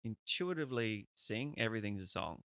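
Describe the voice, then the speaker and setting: Male host, 30s, gravelly and bright, chatty and sweary, dry podcast mic. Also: lowish voice, lively intonation, a little fast, dry recording. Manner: chatty, rambling and peppered with swearing. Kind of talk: casual conversational interview.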